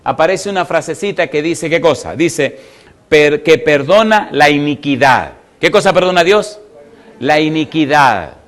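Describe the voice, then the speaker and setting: A male preacher delivering an emphatic sermon in a fairly high voice. He keeps asking his listeners yes-or-no questions and drawing out the words he wants them to hear. His tone is earnest and moved. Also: lively intonation, a bit bright. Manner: peppers the congregation with rhetorical questions; emphatic, slowing down to stress key words. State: emotional.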